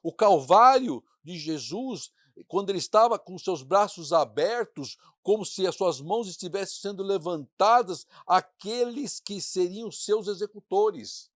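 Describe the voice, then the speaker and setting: A man preaching a sermon as a pastor, building rhythmic repetitions that swing between loud emphatic declarations and hushed, quiet phrases. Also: high-pitched, expressive, measured pace, no echo, clean studio sound. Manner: preaching with rhythmic repetition and sudden drops to near-whispers.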